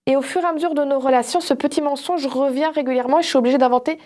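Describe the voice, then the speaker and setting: This panelist on a religious discussion show talks in a high, racing voice. Chatting casually about the Bible, she explains like a lively storyteller, performing made-up quotes as examples.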